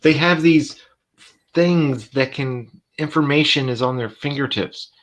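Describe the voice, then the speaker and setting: A man's voice: medium pitch, measured pace, a bit bright. A man co-hosting a livestream in casual chat, talking in a blunt, offhand way. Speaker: livestream co-host.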